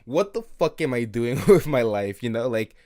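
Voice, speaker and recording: Rambling through a late-night solo podcast with no script, a podcast host in his early twenties swears, criticizes himself, laughs and uses lots of fillers. He speaks at a moderate pace in a mid-range, sing-song, darkish voice.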